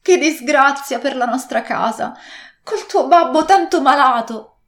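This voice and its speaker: A woman's voice: high voice, lively intonation, a little slow, fairly bright tone, reverberant, pitched above the performer's own voice, exaggerated voice. Woman doing a wailing, fretful innkeeper's wife. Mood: distraught. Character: anxious middle-aged innkeeper's wife and mother.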